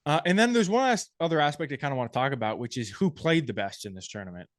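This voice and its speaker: Man, podcast co-host, casual sports chat, slightly high pitch, dead dry recording. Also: animated, no echo. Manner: thinks aloud, restarts phrases, measured opinions.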